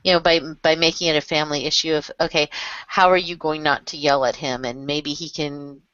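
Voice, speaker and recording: A woman's voice: sits low, steady tone, brisk, fairly bright tone, no echo. A woman chatting casually in a group discussion, talkative and laughing often. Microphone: video call. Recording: dull lo-fi video call audio.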